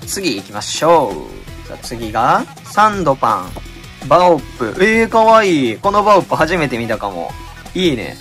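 A man with a Kansai accent chatting casually as he opens card packs, reading out each card and crying out in excitement at good pulls. His voice has been a little out of shape lately. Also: mid-range voice. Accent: Kansai Japanese. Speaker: channel host. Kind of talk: casual card-pack opening commentary.

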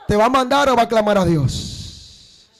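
A very high-pitched man with a Dominican accent preaches a fiery Pentecostal sermon at a night church service. He swings between impassioned shouts and low murmurs, now and then breaking into tongues. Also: lively intonation, a little slow. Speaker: evangelist preacher.

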